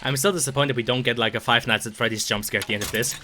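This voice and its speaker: A man's voice: medium pitch, steady tone, racing, bright, forceful tone, slight background noise. Sarcastic, swearing male game streamer. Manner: rambling, sarcastic, swears often, stammers. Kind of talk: casual gameplay commentary.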